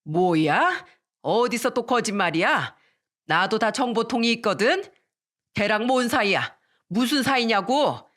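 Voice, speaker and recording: A woman voicing a brash, domineering older mother-in-law who shouts and drawls. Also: mid-range voice, normal speed, close to an everyday voice. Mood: furious.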